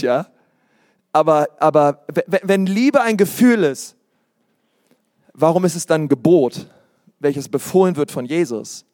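A man preaching a sermon in an animated, emphatic way, with sudden loud exclamations. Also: fairly high pitch, dry recording, studio quality.

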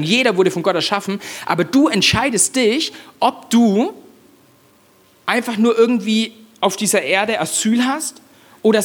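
A man preaching a sermon, speaking emphatically and directly to the congregation with repeated phrases. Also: sits high. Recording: long reverb of a large hall.

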